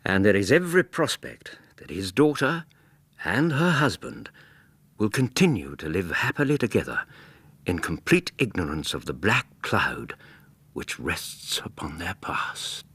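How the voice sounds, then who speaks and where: An actor playing a loyal, warm-hearted Victorian gentleman doctor with an English accent and a husky voice, in a radio drama. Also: sits low, very animated, a little slow, heavily acted. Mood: sober narration. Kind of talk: radio drama acting and narration.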